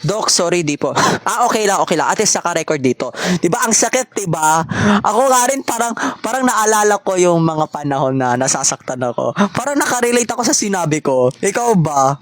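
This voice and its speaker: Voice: medium pitch, sing-song, fairly quick. A gamer chatting casually during online play, playful and mock-serious, mixing in English phrases. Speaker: gamer playing online with others. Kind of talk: casual gameplay chat.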